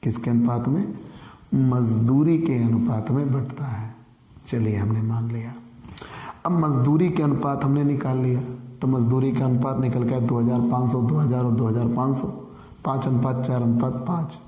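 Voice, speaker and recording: Man, sore throat, commerce teacher, mellow voice, repeats and self-quizzes, roomy echo. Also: mid-range voice, fairly even intonation, moderate pace. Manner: repeats key points, asks and answers own questions. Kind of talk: classroom lecture. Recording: echoey room with long reverb.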